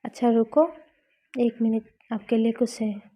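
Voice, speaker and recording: A woman's voice: on the high side, a little slow, mellow. A woman voicing a playful, affectionate young college woman who teases and coaxes her girlfriend, read out in a storybook. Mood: teasing. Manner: teasing, coaxing. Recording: slightly dull lo-fi recording.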